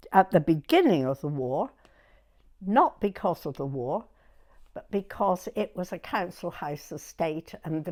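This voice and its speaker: Interviewed for an oral history, a Dorset woman in her nineties recalls the past in a halting, conversational manner. Her southern English accent carries a fairly low pitch, and she often checks that she's being understood.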